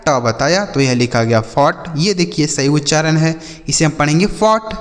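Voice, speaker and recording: A man teaching a classroom reading drill, his voice sitting fairly high. He asks the learners a question, then answers it himself and repeats the sound. The room gives his voice a long, ringing reverb. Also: moderate pace. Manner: addresses learners as children and brother. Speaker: English teacher. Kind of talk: classroom phonics lesson.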